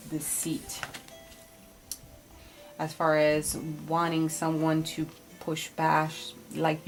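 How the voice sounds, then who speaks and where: Low-pitched woman giving a tarot reading. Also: creaky. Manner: halting, thinking aloud, with blunt advice. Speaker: tarot card reader. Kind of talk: spiritual tarot reading, casual advising talk.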